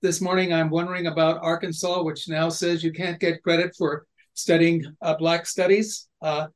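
A man's voice: a little high, flat delivery, normal speed. A man in his eighties introducing himself on a group call in a wry, joking way. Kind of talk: casual self-introduction.

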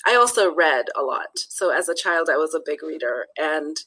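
A woman's voice: low-pitched, expressive, normal speed, a bit bright, husky, poor audio. A woman from Nepal, a guest author talking through her thoughts in a casual interview, often restarting phrases and adding "you know.".

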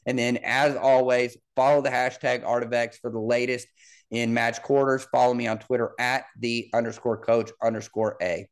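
A man in his thirties talks alone into the mic as a football coach hosting his own podcast. His voice sits at an ordinary middle pitch, and his delivery is loose and conversational, full of fillers, repeated words and restarted sentences. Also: flat delivery, normal speed, clean tone. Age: 30s. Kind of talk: solo podcast monologue.

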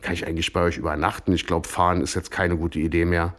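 Jovial boozy cosmonaut, as a man plays him, offhand, easygoing, very low voice. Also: flat delivery, fast, a bit bright. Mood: relaxed.

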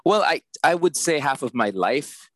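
A man's voice: fairly high pitch, very animated, normal speed, fairly bright tone, no room sound. A middle-aged man from the Philippines, a guest artist, explaining things in a chatty way with many fillers. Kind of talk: casual interview.

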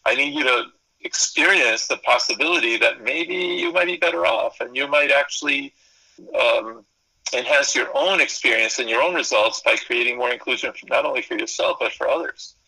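Here the man, a native Spanish speaker who works as a psychology professor and consultant, explains his ideas during a radio interview, stacking lists and correcting himself. He talks at a normal speed in a medium-pitched voice that is creaky, bright, forceful and slightly rough. It's a rough recording.

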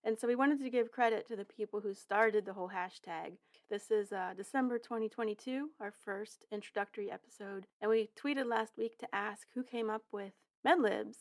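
Woman, podcast co-host, casual and friendly, slightly higher voice. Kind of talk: casual chat.

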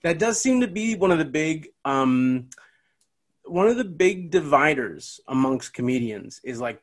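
A Canadian man hosting a relaxed podcast conversation. He talks in loose, rambling stretches, restarting his sentences and repeating words as he works his way to the point. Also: mid-range voice. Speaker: podcast host. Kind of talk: casual chat.

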